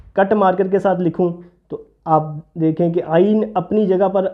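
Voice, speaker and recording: A man teaching handwriting step by step, patiently explaining each stroke as he writes. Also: lo-fi sound. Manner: patient, explains while writing, drops low for "see this". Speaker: calligraphy teacher.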